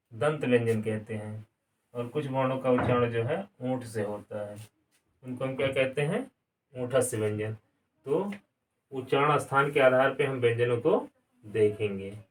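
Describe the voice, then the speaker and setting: A male grammar teacher giving a classroom lesson, asking questions and answering them himself, repeating key words. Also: mid-range voice. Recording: distant mic, some room sound.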